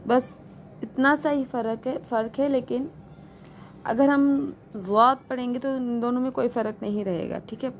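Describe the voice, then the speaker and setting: A woman teaching Quran reading, patiently spelling out each sound and repeating it slowly. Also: sits high, fairly even intonation, a little hiss or hum. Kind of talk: slow recitation lesson.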